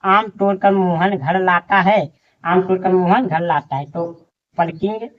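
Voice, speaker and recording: Slow, dictating male Hindi teacher. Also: high-pitched, fairly even intonation. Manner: slow, repeats each word as if dictating. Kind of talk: slow Hindi grammar lesson, dictating sentences. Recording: dull lo-fi sound.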